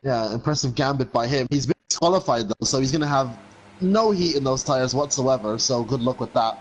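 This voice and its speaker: A man's voice: medium pitch, a little fast, rough recording. A man giving live motorsport commentary, describing incidents and analysing the race. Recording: clear background noise.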